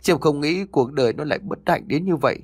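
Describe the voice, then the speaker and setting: A man voicing a grief-stricken middle-aged mother with a high, strained wail. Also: fast talker, slightly rough, no echo. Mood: weary grief.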